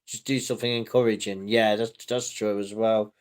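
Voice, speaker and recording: A man's voice: lowish voice, level tone, normal speed. A middle-aged man from the UK hosting a livestream, chatting casually and reassuringly as he reads viewer comments. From United Kingdom. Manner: rambling and reassuring, with restarts. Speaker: livestream host. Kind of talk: casual live-stream chat reading viewer comments.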